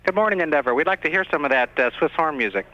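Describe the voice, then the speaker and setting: A man talking as a mission control radio operator over a space radio loop, in relaxed, friendly radio chatter. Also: fairly high pitch, very fast, dry recording. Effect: space radio loop transmission. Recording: dull dry radio audio.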